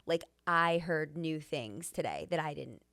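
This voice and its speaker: A woman in her thirties with a lowish voice, co-hosting a chatty podcast. She teases bluntly and swears offhandedly. The recording is close and dry. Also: lively intonation, unhurried, pushed and bright, no echo. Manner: teasing, blunt, swears casually. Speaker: podcast co-host. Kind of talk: casual chat.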